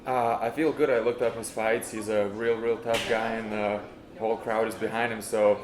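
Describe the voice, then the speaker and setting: A man's voice: on the low side, little pitch movement, moderate pace, crowd noise. A young man from Lithuania, giving modest, hesitant, easygoing answers as a fighter in an interview. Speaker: MMA fighter being interviewed. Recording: echoey room.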